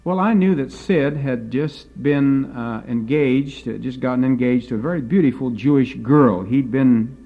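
A man's voice: mid-range voice, unhurried, creaky, hardly any pauses, narrow, tinny audio. A man teaching a Bible lecture, moving between folksy storytelling and emphatic preaching.

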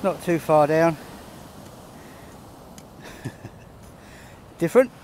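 A man talks through his finds on a pebble beach in a relaxed, understated way, with little chuckles as he goes. His voice sits a touch high. A faint outdoor hiss stays behind him on the handheld camera. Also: drawn-out words. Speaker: metal detecting vlogger. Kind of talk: casual running commentary while detecting. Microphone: camera held close, filming his hands.

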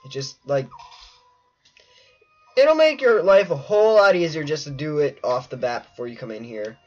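A let's play host chats casually over gameplay, addressing viewers playfully in a medium-pitched, expressive voice at a moderate pace. The mic sounds muffled and lo-fi, with faint game music underneath.

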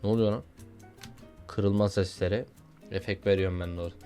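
A young man giving casual, excitable commentary while playing a video game, joking and shouting at what happens on screen. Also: deep voice, fairly quick, clear, resonant tone, faint music behind. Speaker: gaming YouTuber.

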